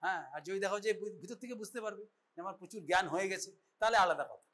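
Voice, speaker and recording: In rapid-fire bursts, a high, slightly bright male voice delivers an instructive medical college lecture. The classroom session centers on demonstrating an exam, and he often checks whether the students are following.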